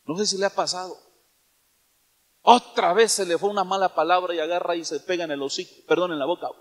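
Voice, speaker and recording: A man's voice: high-pitched, steady tone, fast talker, big-room sound. A man preaching a sermon in a church, emphatic and firing questions at the congregation.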